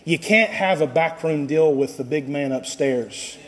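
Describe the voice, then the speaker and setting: A Costa Rican pastor delivers a fervent sermon, moving between slow, deep passages and loud outcries. He speaks in a church sanctuary, and the long reverb of the space fills the recording.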